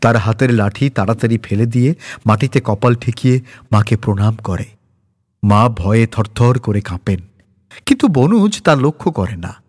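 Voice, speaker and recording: A man narrating a cartoon story in a lively, expressive reading style. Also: medium pitch, normal speed, slightly rough. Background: background music.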